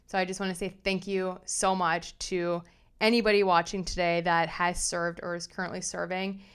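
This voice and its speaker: A young adult woman hosting a casual commentary vlog, chatty and animated as she reads messages aloud and reacts to them. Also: on the low side, moderate pace, smooth. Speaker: pop culture commentary host.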